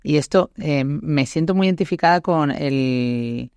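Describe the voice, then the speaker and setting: A woman's voice: sits low, measured pace, darkish tone, clean tone, dry recording, clean studio sound. Andalusian woman host, reflective. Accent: Andalusian Spanish. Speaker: podcast host. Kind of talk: casual interview chat.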